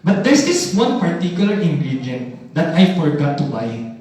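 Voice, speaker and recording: A man's voice: on the high side, normal speed, distant mic. Young man presenting in an echoey hall. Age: young adult. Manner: animated, audience call-and-response. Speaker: business development presenter. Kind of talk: stage product presentation. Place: large hall, heard from the mic at a distance.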